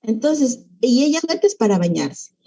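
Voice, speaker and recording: A woman's voice: on the high side, sing-song, moderate pace, warm tone, slightly rough, lo-fi sound. A woman leading a parenting workshop. She explains patiently and keeps checking in with her listeners through tag questions. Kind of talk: parenting talk.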